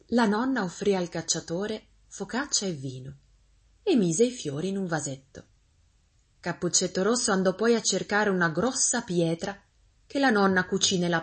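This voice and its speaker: A woman reading a fairy tale aloud as a storyteller, expressive and gently paced. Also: fairly low pitch, moderate pace, husky.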